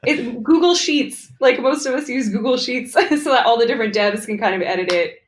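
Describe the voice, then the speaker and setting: A woman's voice: on the high side, a little fast, crowd noise. A young adult woman, a writer guest in a casual interview, explaining her work in a chatty way and laughing often. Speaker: guest, writer for comics and games.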